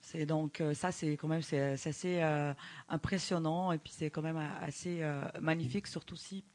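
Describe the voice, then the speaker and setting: A woman from Brazil with a Brazilian accent, explaining things as an interview guest in halting French with small grammar slips and a foreign accent. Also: sits low, fairly even intonation, darkish tone. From Brazil, Belém in the Amazon region. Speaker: guest, dancer and show creator.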